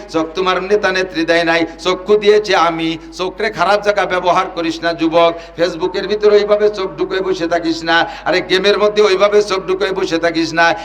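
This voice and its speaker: A man preaching a Bengali waz sermon with a Bangladeshi accent, telling scenes dramatically, rising to shouts and chanting Arabic verses. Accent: Bangladeshi Bengali, Gopalganj region. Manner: dramatic, swings between low storytelling and high shouting, chanted Arabic.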